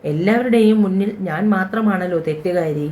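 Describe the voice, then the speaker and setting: A woman's voice: on the low side, moderate pace, mellow, natural voice. A woman voicing a touchy middle-aged sister who sulks and feels blamed by everyone. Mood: wounded. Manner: wounded, self-pitying.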